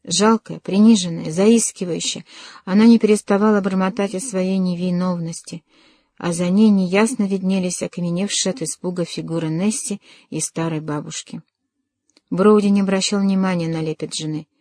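A woman narrating a literary novel as an audiobook, with a measured and dramatic reading. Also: on the low side, steady tone, warm tone, no echo, studio quality.

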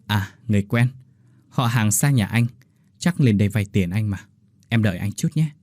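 A man's voice: on the low side, moderate pace, a little mellow, no echo, lightly acted. A man voicing a sneering, angry husband. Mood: smooth lie. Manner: harsh scolding and contemptuous. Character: angry arrogant male sales director husband.

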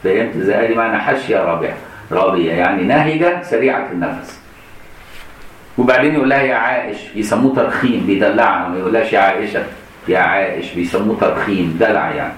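A man's voice: fairly low pitch, fast, slight background noise. A middle-aged man with an Egyptian Arabic accent gives a colloquial hadith commentary lesson, explaining with rhetorical questions and laughing now and then. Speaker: religious teacher. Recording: echoey room.

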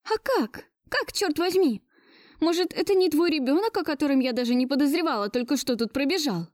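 Woman voicing a shrill, distraught young heroine. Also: lively intonation, brisk, darkish tone, no echo, clean studio sound. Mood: bitter, shrill. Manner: shrill, near hysterical outbursts.

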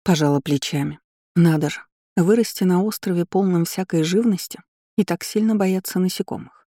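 A woman narrating a first-person fantasy audiobook in a calm, wry, even way. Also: lowish voice, moderate pace, no room sound, studio quality.

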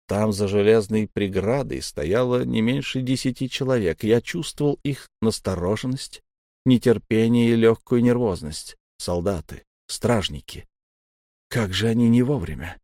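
A man's voice: mid-range voice, dark tone, no room sound, studio quality. A man narrating an adventure audiobook in a tense, storytelling delivery.

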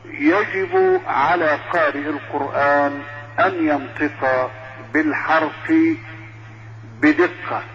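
Guest reciter: man, high, bright voice, instructive, muffled broadcast audio. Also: very animated, slow pace, gravelly. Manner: demonstrates pronunciation, instructive. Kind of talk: explaining recitation rules.

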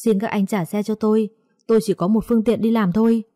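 A woman's voice: mid-range voice, steady tone, fast, mellow, dry recording, clean studio sound, pitched above the performer's own voice, lightly acted. A woman reading aloud, voicing a young wife who pleads and resists. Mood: pleading. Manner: pleading, defiant. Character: frightened young wife pleading for her husband.

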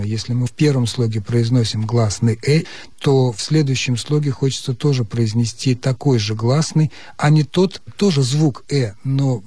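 A man who is a language expert, explaining listeners' questions on a radio call-in show in a measured, precise, lecturing way. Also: medium pitch, mellow, dry recording. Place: radio studio.

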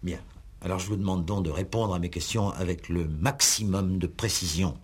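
Voicing an exasperated, insistent examining magistrate for a 1960s French radio police play, the male actor is sarcastic and pressing in a formal, theatrical way. He speaks in a low, husky voice at a moderate pace.

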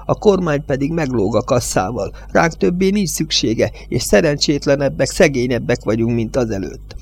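A high, bleating old village judge, angry and afraid, muttering his grievances, as a man puts him on. The voice climbs well above the reader's own with a gravelly edge. An audiobook figure. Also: expressive, darkish tone. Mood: grumbling. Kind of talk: audiobook reading.

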